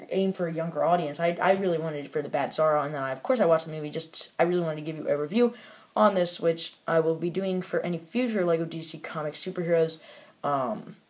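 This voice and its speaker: A man's voice: high-pitched, darkish tone. A man casually reviewing a toy set, rambling with lots of fillers and restarts and making offhand, mildly critical remarks.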